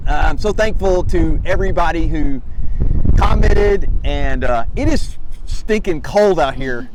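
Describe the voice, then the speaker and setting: A fairly high-voiced man hosts a casual outdoor vlog. He rambles in a folksy, self-effacing way, with some wind and vehicle noise around him. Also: expressive, measured pace. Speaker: host of a hiking channel. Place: outdoors by a lake in cold wind. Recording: noisy outdoor audio with vehicle rumble.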